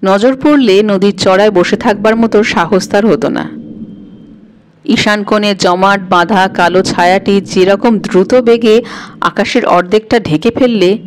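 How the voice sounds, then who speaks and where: A woman narrating a classic short story in a measured, expressive storytelling manner. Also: mid-range voice, slight background noise, low-quality recording. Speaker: audiobook narrator.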